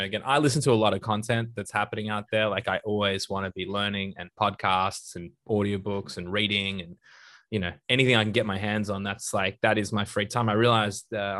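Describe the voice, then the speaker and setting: A man's voice: lowish voice, fairly bright tone. A man hosting a podcast interview, chatty and rambling, who laughs often. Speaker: podcast host. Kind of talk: casual interview.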